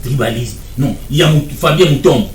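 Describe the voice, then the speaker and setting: A man's voice: mid-range voice, fast talker, roomy sound, distant mic, slight background noise. A man, arguing as a guest in a televised political debate, insistent and repeating his points. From Democratic Republic of the Congo.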